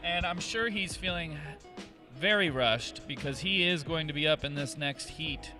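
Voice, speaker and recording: A man's voice: fairly high pitch, normal speed. A man co-commentating a live drone race, joking around and reading out viewer messages. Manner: jokey, reads chat aloud. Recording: music playing behind.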